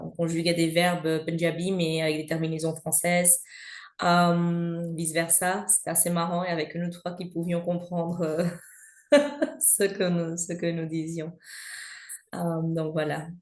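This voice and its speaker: A woman's voice: on the low side, level tone, measured pace. A woman with a Belgian French accent, speaking as an interview guest in a conversational, hesitant way with frequent filler sounds. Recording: roomy echo.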